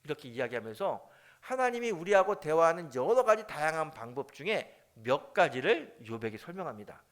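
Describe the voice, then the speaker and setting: Animated, high-voiced male pastor preaching. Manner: storytelling with acted-out prayers and dialogue, drops to soft asides. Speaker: senior pastor. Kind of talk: Sunday sermon.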